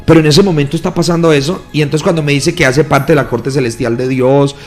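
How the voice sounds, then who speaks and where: Pastor guy telling his testimony, earnest, does the voices, kinda high voice, faint music behind. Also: fairly even intonation, fast talker, darkish tone. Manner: earnest storytelling, quoting voices with feeling. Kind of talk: testimony told in an interview.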